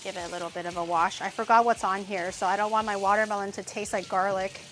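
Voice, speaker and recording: The recording is rough, with slight background noise, capturing a woman's mid-range, a bit bright voice that stays fairly even in intonation as she talks fast. She's a VTuber and streamer casually chatting while cooking at home on a livestream, blunt and profane, murmuring as she tastes.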